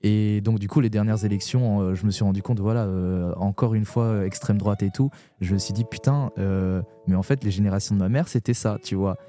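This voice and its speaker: A young man from France talks as a guest on a poetry podcast, searching for his words with frequent pauses and restarts. His voice sits fairly low and sounds warm and dark. He speaks openly, in a loose conversational flow. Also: steady tone. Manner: hesitant, full of pauses and restarts, frank and heartfelt. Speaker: poet guest.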